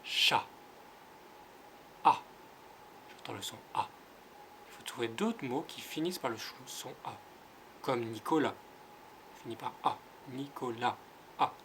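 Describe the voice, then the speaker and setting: A man with a French accent, a kindergarten teacher giving a home-school phonics lesson, sounding out letters slowly and clearly. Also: medium pitch, pushed and bright, slight background noise.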